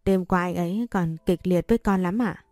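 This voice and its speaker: A woman's voice: on the low side, normal speed, darkish tone, dry recording, clean studio sound, lightly acted. A woman reading the lines of a young scheming impostor wife in an audiobook, sweet and sly.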